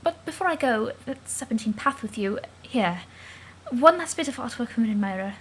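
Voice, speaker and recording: A woman voicing a shy, formal alien girl who speaks softly in prim, proper phrasing. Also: fairly high pitch, animated, normal speed, a little hiss or hum, close to an everyday voice, rough recording. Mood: earnest.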